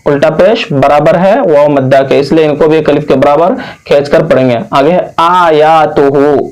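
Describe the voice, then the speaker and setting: A man from India teaching Quran reading, spelling out each word slowly and patiently, drawing out long vowels. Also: a little high, darkish tone, poor audio. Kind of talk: slow spelled-out recitation lesson.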